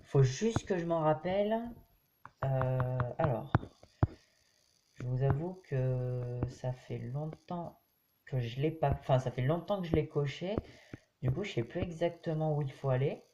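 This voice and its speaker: A man hosting a casual tutorial over a screen recording, chatty and hesitant, often pausing with fillers and talking straight to his viewers as friends. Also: fairly high pitch, background noise. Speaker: YouTube tutorial host.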